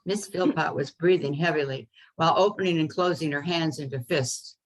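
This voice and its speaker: A woman author reading her own children's story aloud over a video call, unhurried with the odd um. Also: deep voice, poor audio. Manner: unhurried reading with occasional ums.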